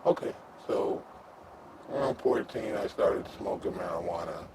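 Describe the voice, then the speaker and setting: A man in his thirties speaks as an anonymous interviewee, his voice altered and pitched down to hide his identity. He talks candidly but haltingly, with fillers and restarts, and the recording is very noisy.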